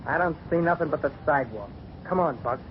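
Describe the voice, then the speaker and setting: Sullen street kid acted by a man, curt and slangy, high for a male, old radio drama, muffled and noisy. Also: expressive, fast talker, natural voice. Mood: defiant. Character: sullen, bitter tough street boy.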